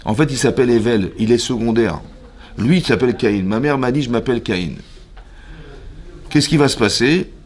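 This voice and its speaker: A man's voice: mid-range voice, normal speed, long pauses. A man, a rabbi giving a Torah lesson to a women's class, who keeps checking that his listeners follow and acts out the characters' words as he explains. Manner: lively, questions the listeners often.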